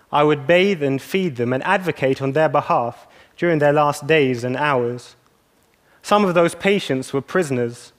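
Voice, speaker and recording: A young man from England giving a measured, earnest talk to an audience. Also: fairly high pitch. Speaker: speaker. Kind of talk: scripted talk.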